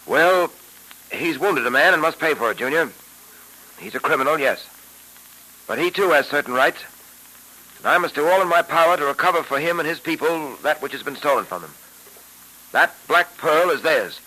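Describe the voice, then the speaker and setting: An actor in old radio drama style playing a principled, stoic police detective with a crisp, authoritative manner. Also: male voice, on the high side, expressive, moderate pace, pauses often, sharp tone, low-quality recording. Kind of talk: 1940s radio drama acting. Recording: vintage radio recording.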